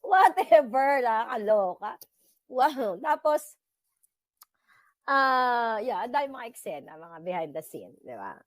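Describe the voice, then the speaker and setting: Hosting a relaxed live chat, a Filipino-accented woman blends Tagalog and English with her viewers and laughs frequently. She speaks slowly in a sing-song, higher voice with long pauses, and there's no echo.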